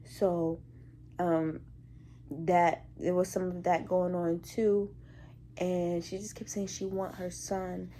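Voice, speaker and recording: Animated young woman telling a story. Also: on the low side, slow, slight background noise. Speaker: hospital care worker. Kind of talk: casual story-time vlog.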